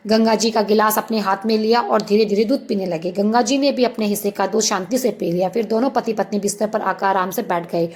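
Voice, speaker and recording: A woman storyteller giving a scripted narration of a moral story, in a steady, dramatic way. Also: mid-range voice, fairly quick, few pauses.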